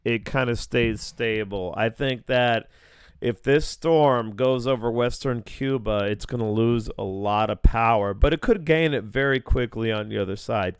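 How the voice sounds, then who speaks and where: A man's voice: medium pitch, clean tone, no room sound, clean studio sound. A man giving an informal, unscripted weather forecast as an amateur, thinking aloud in a plain-spoken, opinionated way. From Southeast Florida, US.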